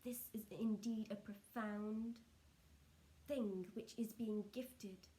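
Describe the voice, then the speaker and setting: A woman speaking as a trance channelling seance medium, solemn and measured, delivering spiritual messages in short halting phrases. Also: medium pitch, steady tone, dark tone, low-quality recording.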